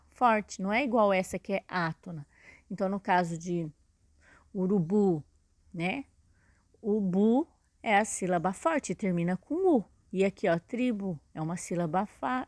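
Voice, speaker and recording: A woman's voice: mid-range voice, darkish tone, no echo. Patient teacher woman, dry close sound. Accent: Brazilian Portuguese. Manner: patient, explains step by step with many "né?" and "tá?". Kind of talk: recorded video lesson.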